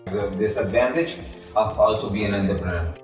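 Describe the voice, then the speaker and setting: A man's voice: lowish voice, a little fast. A man asking short interview questions as the interviewer. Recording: very echoey, distant, music behind.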